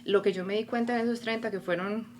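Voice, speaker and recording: Speaking fast in a mid-range, slightly mellow voice with fairly even intonation, this woman from Colombia tells her life story as a podcast guest. She recounts it animatedly in a Colombian Spanish accent, voicing her own inner thoughts during the casual interview.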